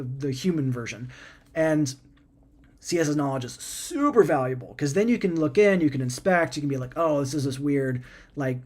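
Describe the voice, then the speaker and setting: Chatty man explaining with lots of "like"s. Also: on the high side. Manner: conversational, many fillers and "like"s, repeats words, animated asides. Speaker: product maker talking about AI and coding. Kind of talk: casual explanatory talk.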